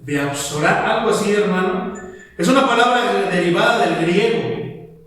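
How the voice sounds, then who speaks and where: A man preaching a Bible sermon to a congregation. He reads the verses slowly and keeps asking his listeners questions. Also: high voice, a bit bright. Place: church sanctuary. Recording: echoey church hall from far off.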